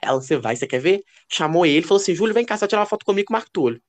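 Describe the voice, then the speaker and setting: Animated gossipy young man. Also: rapid-fire. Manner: expressive, lively pitch. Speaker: podcast co-host. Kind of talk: casual chat.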